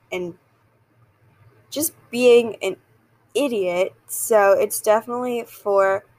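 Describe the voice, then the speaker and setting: A woman's voice: medium pitch, rough recording. A young woman hosting a casual solo podcast, rambling and giggling as she talks. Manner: rambling, giggly, self-deprecating. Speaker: podcast host.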